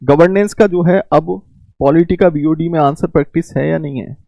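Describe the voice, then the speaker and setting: A man's voice: fairly high pitch, fairly quick, vocal fry, mellow, no echo. A man teaching an exam coaching class online, giving fatherly advice and calling his students "beta", repeating his points to drive them home. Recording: dull lo-fi mic.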